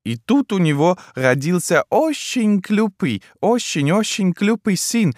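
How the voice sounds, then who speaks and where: Man voicing a shrill eighty-two-year-old Frenchwoman, indignant, broken grammar, high squeaky pitch, drawn-out words, storybook reading. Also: big pitch swings, no room sound, clean studio sound. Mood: scornful. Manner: broken grammar, foreign-sounding speech.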